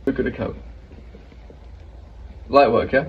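A man's voice: medium pitch, slow, gravelly, breathy edge. A young man with a British urban accent, goading a friend in casual, slangy banter as co-host of a food challenge. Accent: British urban multicultural slang. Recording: dull lo-fi audio.

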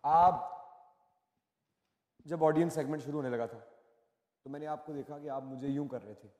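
A man's voice: a little high, fairly even intonation, normal speed, mellow, echoey room, big-room sound. A man hosting a talk show, coaxing and playfully bantering with a studio audience member.

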